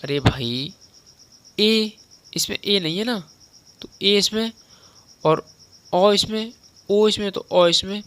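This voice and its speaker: A man's voice: sits high, slow, long pauses, fairly bright tone, a little hiss or hum. A young man teaching a Hindi grammar lesson in a casual, conversational way, repeating each point and quizzing the listener as he goes.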